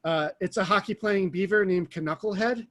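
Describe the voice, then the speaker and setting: A man's voice: high-pitched, normal speed, a bit bright. A man co-hosting a podcast, telling stories in a rambling, enthusiastic casual chat. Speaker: podcast co-host.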